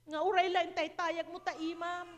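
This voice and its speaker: A woman's voice: very high-pitched, little pitch movement, moderate pace, highs cut off. A woman pastor with an Ilocano accent preaching a sermon, moving between Ilocano and English with rising emphasis. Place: church hall. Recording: hall reverb.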